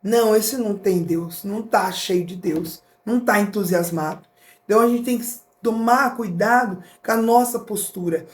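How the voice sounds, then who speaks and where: A middle-aged woman with a Brazilian accent, a podcast guest and motivational speaker, telling a personal story with lively acted-out dialogue. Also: medium pitch, normal speed, reverberant. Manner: animated, acts out dialogue in different voices.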